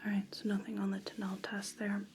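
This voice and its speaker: A woman in a whispered ASMR role-play as a clinician, speaking in a breathy, unvoiced whisper with a soft, soothing, clinical delivery. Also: mid-range voice, monotone, brisk, slight background noise. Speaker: clinician giving a physical exam.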